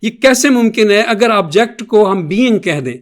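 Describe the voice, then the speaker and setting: A man, a lecturer, explains a point at length in an academic lecture, slipping into English phrases and slowing down for them. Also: high-pitched, expressive. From Pakistan. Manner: slows down for quoted English phrases. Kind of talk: academic lecture answering an audience question.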